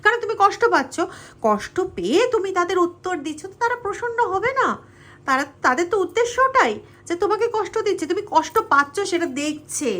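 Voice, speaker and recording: A woman with a Bengali accent, her voice high and ringing, delivers a tarot reading straight to her viewers. She speaks earnestly and coaxingly, pressing each point home. Her tone stays clear and sharp throughout. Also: very animated, fast. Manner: earnest, addresses listener directly with coaxing asides. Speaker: tarot reader.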